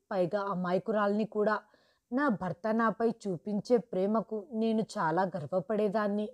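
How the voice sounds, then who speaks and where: A woman storyteller reading a scripted first-person family story in a steady, even delivery. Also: mid-range voice.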